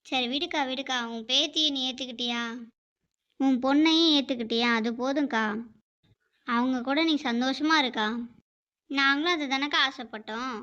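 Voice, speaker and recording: A woman's voice: sits high, normal speed, long pauses, bright, forceful tone. Woman doing a nosy, prying neighbor. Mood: defensive. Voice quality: wheedling, prying. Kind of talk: animated cartoon dialogue. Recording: dull lo-fi audio.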